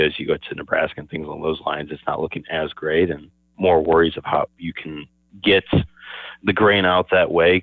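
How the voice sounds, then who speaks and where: A man speaking over the phone as a market analyst guest, giving steady, explanatory commentary and opening his answers with "yeah, so". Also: rumbling low, no echo. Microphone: telephone. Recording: tinny phone line, dry.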